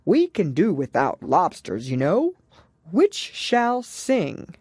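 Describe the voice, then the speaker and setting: A woman voicing a melancholy, solemn Mock Turtle in a children's storybook, with slow, drawn-out delivery. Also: lowish voice, wildly swooping pitch, a little mellow, slightly rough, no echo, clean studio sound, full character voice. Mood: wistful.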